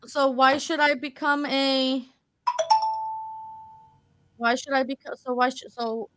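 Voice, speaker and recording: A woman's voice: high-pitched, steady tone, slow pace, a bit bright. A middle-aged woman hosting a call-in debate stream, pressing callers with challenging questions. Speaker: call-in show host.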